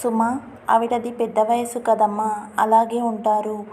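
A kind middle-aged mother-in-law speaks softly and patiently, long used to putting up with hardship, as a woman reader voices her. Her tone is mellow and a little high. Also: level tone, a little slow, a little hiss or hum, natural voice. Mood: gentle.

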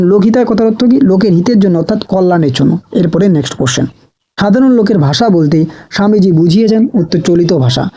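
Male tutor, high mellow voice, brisk question-and-answer drill, checks understanding as he goes. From West Bengal, India. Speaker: teacher. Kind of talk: reading exam questions and answers aloud.

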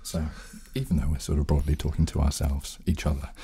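Sitting at a table in a small room, a thirty-something ASMR host talks close to a studio mic in a soft, hushed, sometimes breathy whisper, offering casual, hesitant instruction. His voice is very deep and steady, his pace fairly quick, with soft music playing behind him.

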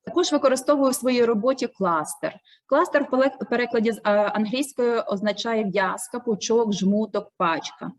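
A woman's voice: fairly high pitch, a little fast. A woman teacher with a Ukrainian accent, explaining teaching methods with frequent hesitations.

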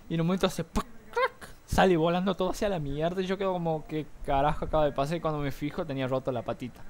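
Young Argentine guy, slightly high voice, excitable home vlogger, faint fan hum behind. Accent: Argentine Spanish. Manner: excitable storyteller, mimics noises and shouts. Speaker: gaming vlogger. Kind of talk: casual chat to viewers. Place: room at home with a fan running. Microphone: cheap desktop mic.

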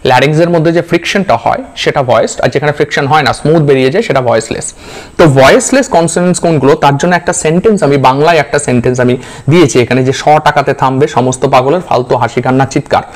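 A man's voice: on the high side, very fast. A man, teaching a slide-based pronunciation lesson, patiently repeating example sounds one by one.

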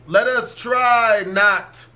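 Man, very high voice, bright and lively tone, rambling reaction host, swears a lot. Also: extremely slow. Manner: rambling, profane, easily set off. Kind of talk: casual reaction commentary.

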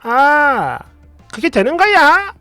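A narrator putting on a loud, pushy middle-aged woman. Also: high-pitched, big pitch swings, extremely slow, no echo, soft background music, voice pushed up, exaggerated voice. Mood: surprised. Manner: loud, shouting, demanding. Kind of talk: acted quote in a narrated story.

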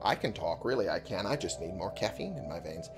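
Male let's-player, lowish voice with animated swings, informal and sweary, game music underneath. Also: a little fast. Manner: informal, frequent swearing, thinks out loud. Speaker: video game let's-play host. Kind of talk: casual solo gameplay commentary with reading aloud of on-screen text.

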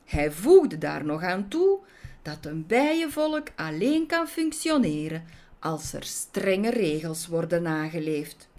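A woman reading a children's story aloud with expressive, melodic storytelling. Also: fairly low pitch, takes it slowly.

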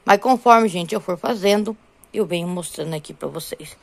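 Chatty Brazilian woman with a gravelly voice. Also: lowish voice, normal speed. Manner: chatty, repeats "gente" and "tá bom" constantly; counts rows aloud while showing work. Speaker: crochet vlogger. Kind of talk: casual crochet vlog chat. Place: home.

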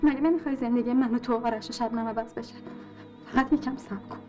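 An actress playing an anxious young nurse in a film scene, talking earnestly and insistently, at times defiant and scornful. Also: female voice, on the high side, fairly even intonation, mellow, soft background music, close to an everyday voice. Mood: pleading. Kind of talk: film dialogue.

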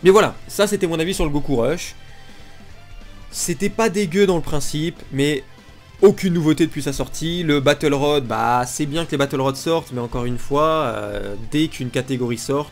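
A gaming video creator with a slightly high voice speaks at a moderate pace, sounding nasal and blocked from pollen allergy congestion. His casual, unscripted commentary is blunt griping, set against music.

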